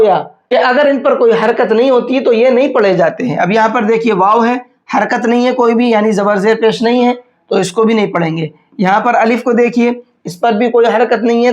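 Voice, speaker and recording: A man teaching a tajweed lesson, patiently asking himself questions and then answering them, and slowing down to draw out words as he demonstrates. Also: sits high. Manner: slows down to demonstrate words drawn out. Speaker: Quran teacher. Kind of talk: tajweed lesson explaining pronunciation.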